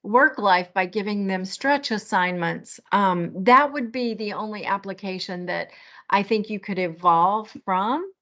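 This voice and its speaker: A woman speaks in a work meeting over a video call, her voice dulled by the lo-fi line. She talks in a measured, thoughtful way, often restarting her sentences. She has the hiccups. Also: medium pitch, pushed and bright. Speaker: manager in a work discussion. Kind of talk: casual work meeting discussion.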